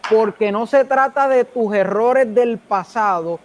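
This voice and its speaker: A man with a Puerto Rican accent talks about faith with earnest, preacher-like emphasis. His voice sits notably high for a man. Faint ambient noise is heard behind him. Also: measured pace. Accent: Puerto Rican Spanish. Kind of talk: casual spiritual conversation.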